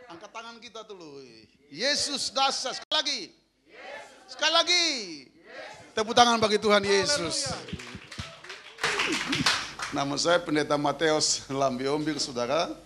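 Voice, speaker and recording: A pastor from Southeast Maluku, praying and preaching in a fervent style. He repeats phrases rhythmically and calls on the congregation to answer him. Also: sits high. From Southeast Maluku, Indonesia. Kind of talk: fervent sermon and prayer.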